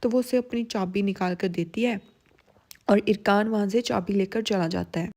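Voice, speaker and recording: Chatty woman recapping a drama, mellow voice. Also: medium pitch, steady tone, moderate pace. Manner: chatty, heavy use of fillers like "na" and "like". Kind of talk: casual storytelling recap.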